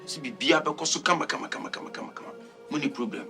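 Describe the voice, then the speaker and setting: Man acting a bright-voiced, insistent Ghanaian comic trickster. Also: a little high, very fast, soft background music. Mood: reassuring, insistent. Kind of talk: improvised comedy skit dialogue in Ghana.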